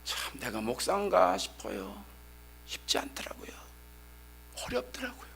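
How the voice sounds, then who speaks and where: A middle-aged male pastor preaching a sermon, telling a story in an animated, emphatic way that sometimes turns to shouting. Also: sits high, moderate pace, vocal fry, whispered.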